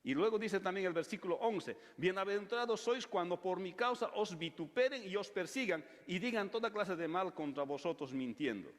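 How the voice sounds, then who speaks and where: A man's voice: high voice, animated, moderate pace, hardly any pauses. A man preaching a sermon as pastor, retelling scenes dramatically. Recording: long church reverb.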